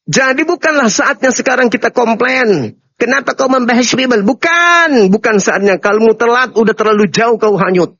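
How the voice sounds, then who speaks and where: A man with a high-pitched voice delivers a combative, taunting debate speech, lecturing his opponents as an Islamic apologist. The recording sounds muffled and lo-fi, with a dry close sound and no room echo. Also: fairly bright tone. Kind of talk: heated live debate speech.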